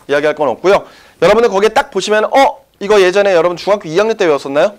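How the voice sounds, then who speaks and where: A man's voice: sits high, very fast. A man teaching a science class, explaining step by step and often checking whether the students follow. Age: young adult. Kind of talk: classroom lecture.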